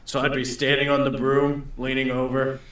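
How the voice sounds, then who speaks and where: Matter-of-fact man with a mid-pitched voice. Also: completely flat delivery, moderate pace, a bit bright, slight background noise, rough recording. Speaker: tabletop game player. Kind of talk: casual in-character game talk.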